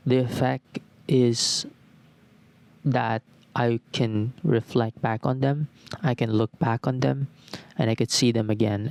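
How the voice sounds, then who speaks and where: Reflective young man, smooth voice. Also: mid-range voice, a little mellow, no room sound. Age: 20s. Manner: thoughtful, repeats phrases in lists. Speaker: podcast host. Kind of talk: reflective solo talk.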